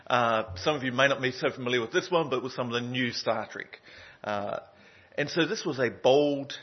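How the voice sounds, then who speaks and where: Man, pastor, casual sermon, husky voice, muffled lo-fi sound. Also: medium pitch. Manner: conversational, lots of ums and uhs. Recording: dull lo-fi sound.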